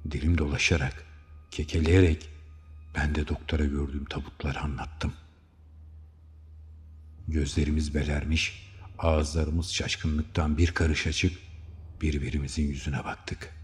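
A male narrator with an extremely deep voice tells a first-person story in a measured, dramatic manner. His reading rings out with a long hall reverb. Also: little pitch movement. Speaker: audiobook narrator.

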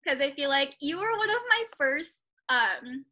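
Chatty bright-voiced young woman. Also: high voice, sing-song, unhurried. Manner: chatty, many fillers like "like" and "you know". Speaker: interviewer starting a personal project. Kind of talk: casual conversational interview over a call. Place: at home.

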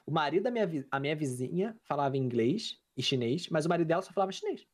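Young carioca dude telling stories quick, husky voice, lots of slang. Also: male voice, a little high. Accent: Carioca Brazilian Portuguese. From Brazil. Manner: slangy, animated storyteller. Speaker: podcast guest. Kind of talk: casual chat.

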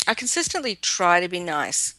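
A woman's voice: on the low side, big pitch swings, moderate pace, sharp tone, no echo. A woman guest in a casual interview, speaking in a self-deprecating way, laughing often and hesitating with fillers. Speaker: magazine editorial director, guest.

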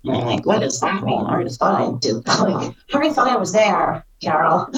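A woman talking casually and earnestly about her channeling experiences, halting and repeating phrases for emphasis. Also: on the low side, sing-song, distant mic, over a noisy crowd, rough recording. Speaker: spirit channeler, interview guest.

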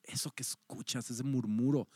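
A man's voice: mid-range voice, steady tone, normal speed, dark tone, husky, dry recording. A man preaching a sermon, telling a story with acted-out quotes and dropping at times to near-whispers. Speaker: pastor.

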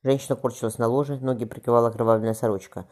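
A man's voice: mid-range voice, fairly even intonation, racing, a little mellow. A man reading a historical novel aloud as an audiobook, plainly and with small slips. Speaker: audiobook reader. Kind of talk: audiobook narration.

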